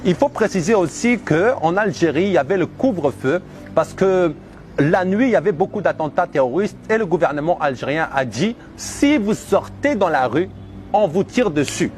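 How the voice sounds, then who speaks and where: Soft music plays behind a high, animated, slightly mellow voice belonging to an Algerian man in his thirties. He offers an earnest, emphatic religious testimony from his own life, using deliberate repetition.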